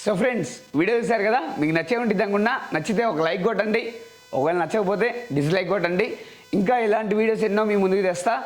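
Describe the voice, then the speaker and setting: Fast-talking high-voiced young man. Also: poor audio. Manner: excitable, repeats words rapidly. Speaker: prank video host. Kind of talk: casual prank vlog. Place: at home indoors.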